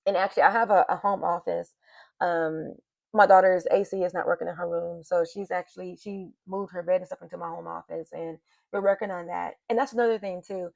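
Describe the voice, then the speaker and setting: Woman, middle-aged, confessional home vlog, emotional and sighing, gravelly fry, dry close sound. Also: lowish voice, fairly even intonation, fairly quick, darkish tone, no echo, highs cut off. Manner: emotional, sighing, talking straight to viewers. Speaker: vlogger. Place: home office. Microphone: computer mic.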